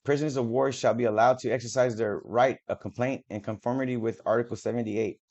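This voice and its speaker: A man's voice: mid-range voice, steady tone, darkish tone. A man reads long official text aloud in a middle-range voice, tripping over words and restarting them. He breaks off into loose, profane asides before picking the text back up. The audio sounds dull and lo-fi. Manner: halting reading, stumbles and restarts over words, swears in offhand asides. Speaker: video creator. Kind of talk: reading documents aloud with casual asides.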